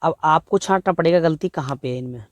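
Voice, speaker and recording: A man with an Indian accent teaching an exam-prep grammar lesson, explaining step by step and reading example sentences slowly, word by word. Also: fairly high pitch, dry recording.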